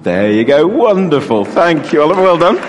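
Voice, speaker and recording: A middle-aged man preaching an interactive sermon as pastor, lively and joking as he draws in the congregation. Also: a little high, slight background noise. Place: large church with long reverb. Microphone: handheld microphone. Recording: echoey church hall reverb.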